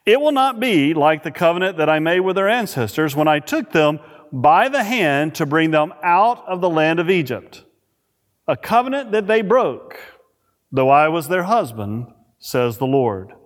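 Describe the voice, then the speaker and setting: A pastor preaching a sermon at a pulpit microphone in a church, reading scripture and praying in a measured, emphatic way. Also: male voice, a little high, lively intonation. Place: church sanctuary. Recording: reverberant church hall.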